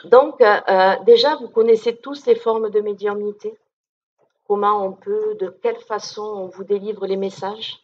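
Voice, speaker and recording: A woman's voice: medium pitch, steady tone, unhurried, lo-fi sound. A woman medium giving an informal conference talk to an audience, down-to-earth and chatty, often checking in with listeners. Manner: down-to-earth, chatty, many fillers and check-ins.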